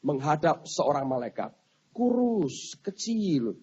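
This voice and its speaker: An animated male pastor tells a story to his congregation in a high, husky voice. His pitch rises and falls widely. The old recording sounds dull and lo-fi. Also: takes it slowly. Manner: animated, addresses congregation as 'saudara'. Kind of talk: sermon storytelling.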